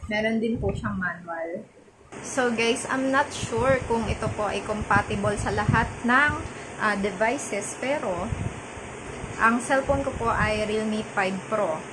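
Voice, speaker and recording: A woman's voice: medium pitch, takes it slowly, background noise. A woman vlogger chatting politely through a casual product review, mixing in English words and explaining each step of a microphone setup. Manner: polite and chatty, sprinkling Taglish and respectful particles; repeats test phrases while comparing mic on and off.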